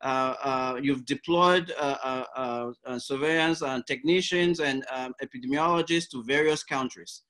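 A man interviewing a health official, asking long, halting questions full of fillers. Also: medium pitch, bright, forceful tone.

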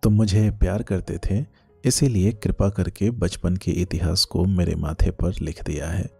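A man voicing a young married woman who speaks with quiet, restrained earnestness to her childhood love. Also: sits low, fairly even intonation, a little slow, gravelly, slightly rough, no room sound, faint music behind, exaggerated voice. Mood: tender.

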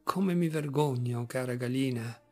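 A man's voice: mid-range voice, unhurried, mellow, soft background music, natural voice. A man reading a story, voicing a distraught mother who cries out urgently. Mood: formal. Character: distraught mother, loud and forceful.

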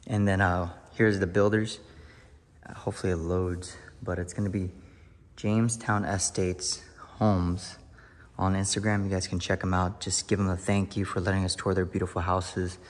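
A hyped realtor with a lowish voice shows viewers around an empty new house, calling them y'all, before the casual vlog turns to preaching on the covered back patio. He's upbeat, though his delivery is flat and his pace moderate.

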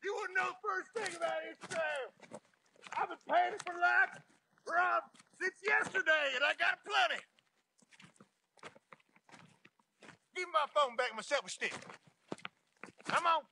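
Brief: high, bright, twangy old prospector, wheedling and greedy. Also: male voice, moderate pace, creaky, a little hiss or hum, exaggerated voice. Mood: indignant. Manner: wheedling, then indignant shouting. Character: scheming old male prospector craving online likes.

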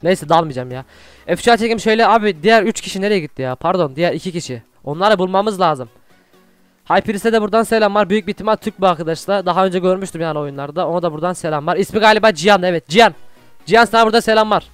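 A young man with a high, quick voice commentates his gameplay. He keeps chatting to his viewers between moves and bursts into loud shouts whenever a fight starts. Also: clear, resonant tone, dry recording, faint music behind. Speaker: gaming YouTuber.

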